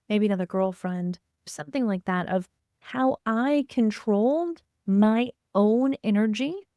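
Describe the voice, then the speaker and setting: A woman's voice: mid-range voice, darkish tone, no room sound, clean studio sound. A woman guest on a podcast, a co-parenting coach who talks emphatically and keeps checking in with tag questions. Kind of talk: podcast interview, casual chat.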